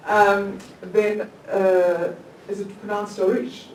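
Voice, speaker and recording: A law lecturer in her thirties asks the panel a long question from the floor of a conference hall, chatty, restarting often and laughing a little at herself. Her mid-range voice is darkish and flat, and she takes it slowly. The hall echoes, the mic is distant, and there's faint noise.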